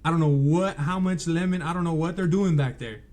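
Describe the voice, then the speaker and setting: Male guest from California, sports reporter, slightly higher voice, upbeat easygoing conversational delivery. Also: a little fast, darkish tone. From California, United States. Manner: enthusiastic and easygoing. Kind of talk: casual interview chat.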